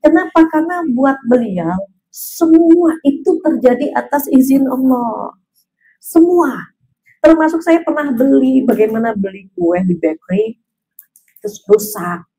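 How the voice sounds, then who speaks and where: Husky middle-aged woman preaching. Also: on the high side, rough recording. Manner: animated storytelling, acts out quoted voices. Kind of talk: women's religious study talk. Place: mosque.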